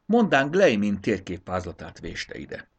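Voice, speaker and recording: A man voicing a shy little male math notebook that talks in a fussy, apologetic way, in a low, gravelly voice. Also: wildly swooping pitch, muffled recording, full character voice. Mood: prim apologetic. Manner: fussy, apologetic, long-winded.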